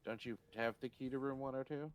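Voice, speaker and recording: A man trading casual, teasing banter with friends on a live game stream, quick to poke fun at himself. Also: mid-range voice, steady tone, a little hiss or hum. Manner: teasing, self-deprecating banter.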